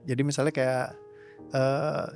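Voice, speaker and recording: A man's voice: mid-range voice, level tone, a little slow, a little mellow, faint music behind. A young man answering interview questions as a coach, rambling casually and slipping English words into his speech. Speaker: trauma release coach.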